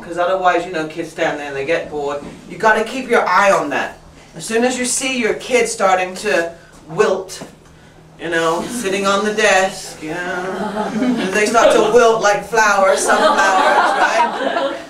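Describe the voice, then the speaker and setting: A woman leading a teacher training workshop, brisk and chatty, who keeps checking in with "right?". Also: medium pitch, noisy background. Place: classroom. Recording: roomy classroom from far off.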